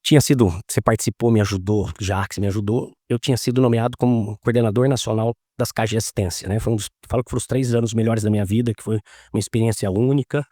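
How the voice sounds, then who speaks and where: A man's voice: lowish voice, fast, dry recording, clean studio sound. A man, a lawyer being interviewed, telling stories casually and acting out the dialogue as he goes. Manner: animated, acts out quoted dialogue.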